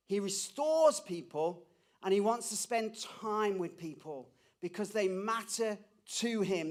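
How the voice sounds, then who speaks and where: A man with a fairly high voice delivers a sermon in a church. He speaks earnestly and drives his points home by repeating key phrases. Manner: tells a story and acts out its people's quoted words. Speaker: pastor.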